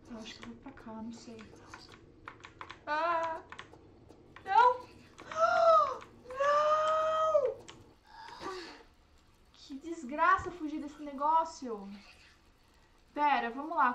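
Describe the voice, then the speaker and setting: A young woman, streaming herself playing a game and reacting with excitable, panicky outbursts. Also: high voice, normal speed, pauses often, a little hiss or hum. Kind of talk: live gameplay commentary.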